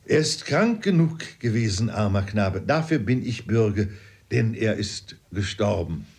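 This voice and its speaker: Man doing a gentle soft-spoken uncle. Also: fairly low pitch, expressive, a little slow. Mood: quiet. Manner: quiet, sighing.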